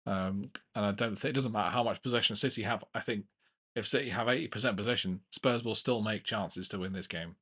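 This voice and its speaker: A young man hosting a live football watchalong, giving casual play-by-play with frequent restarts and getting excited at big chances. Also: fairly low pitch, fairly quick, husky. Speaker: watchalong host.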